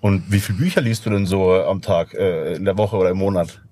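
A man's voice: sits low, fairly quick, dark tone. A man hosting a reading show, reading a book passage aloud and chatting with young readers. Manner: chatty, asks children questions. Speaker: host. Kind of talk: friendly moderation and book reading.

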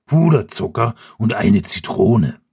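A man voicing a grumpy, blustering wild-boar king in a gruff, grumbling tone for a storybook reading. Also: lowish voice, sing-song, slow, a little mellow, heavily acted.

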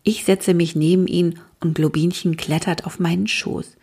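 A woman narrating a children's story in the first person, lively and expressive. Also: fairly low pitch, normal speed, husky. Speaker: audiobook reader.

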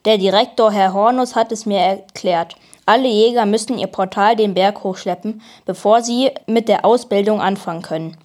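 A woman's voice: medium pitch, normal speed, few pauses, darkish tone, natural voice. A woman voicing a stubborn boy who wants to be a monster hunter, grumpy and panting.

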